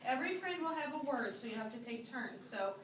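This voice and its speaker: A woman teaching a kindergarten class, drawing out words slowly so young children can repeat them. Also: high-pitched, animated. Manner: slow, drawn-out modeling of words. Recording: echoey classroom from far off, noisy.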